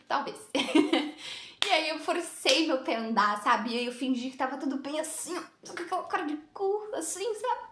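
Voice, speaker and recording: A young woman tells a personal story straight to camera. Her voice sits high and bounces between quoted lines and asides, with frequent laughter. The room around her sounds echoey. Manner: lively, laughs often, acts out quotes. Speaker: vlogger.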